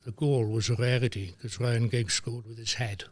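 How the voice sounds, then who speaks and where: An older man, a former referee telling lively anecdotes as a guest, dropping into voices for the people he quotes. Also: medium pitch, normal speed, noisy background. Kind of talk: anecdotal storytelling.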